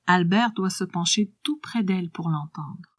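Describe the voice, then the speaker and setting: A woman narrating a scripted story in a soft, hushed voice that slips into whispering. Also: on the low side, unhurried, no echo, studio quality.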